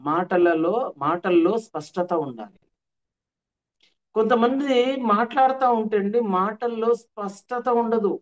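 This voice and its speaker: A man teaching an online workshop, repeating his points with emphasis. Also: sits high. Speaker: trainer.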